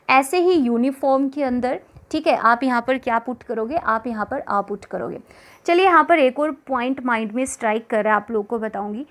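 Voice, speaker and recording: A woman with a Haryanvi accent teaching an exam-prep grammar lesson, explaining patiently, repeating words and asking the class questions. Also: high-pitched.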